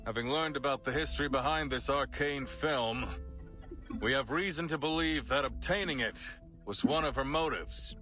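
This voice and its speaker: Guy doing a stern game cop boss, firm and measured, giving orders, middle-of-the-road pitch, faint music behind. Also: sharp tone, natural voice. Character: stern male deputy police chief. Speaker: game character voice. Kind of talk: voiced game dialogue.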